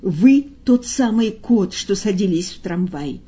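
A woman reading aloud and voicing a weary, gentle man who talks softly and hesitantly. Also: high-pitched, lively intonation, unhurried, breathy edge, muffled recording, full character voice. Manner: soft, subdued, murmuring.

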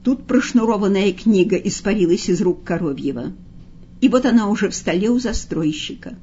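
A woman narrating an audiobook in a calm, measured storytelling manner. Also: medium pitch, a little hiss or hum. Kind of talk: audiobook reading. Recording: dull lo-fi recording.

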